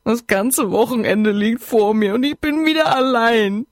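Tearful, wailing young woman friend, a woman reader doing the voice; high, raspy, storybook despair. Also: unhurried, no echo, studio quality. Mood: sobbing despair. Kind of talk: audiobook reading.

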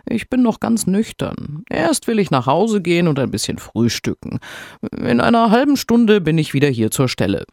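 A man's voice: high-pitched, sing-song, vocal fry, a little mellow, dry recording, studio quality, voice pushed up, exaggerated voice. A man voicing a stubborn, cunning male hedgehog who talks in a pushy, emphatic way. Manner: pushy, emphatic, sometimes hurried.

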